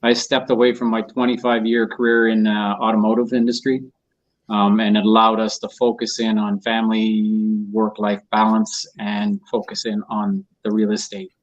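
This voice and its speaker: A man's voice: fairly low pitch, little pitch movement, moderate pace. A middle-aged man speaking over a phone call as a guest on an online panel, easygoing and casual. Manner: easygoing, laughs at his own tech troubles. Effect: heard over a phone call. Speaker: guest on a real estate webinar panel. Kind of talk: casual conversational answers. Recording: dull lo-fi phone audio.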